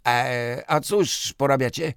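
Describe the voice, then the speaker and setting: A man reading an audiobook, voicing a quarrelsome, blustering newspaper editor who shouts in indignant outbursts. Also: mid-range voice, takes it slowly, clear, resonant tone, no room sound, clean studio sound, voice pushed up. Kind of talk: audiobook character voice.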